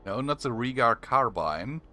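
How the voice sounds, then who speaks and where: A man's voice: mid-range voice, expressive, unhurried, sharp tone. A man streaming a game, casually musing and reacting aloud.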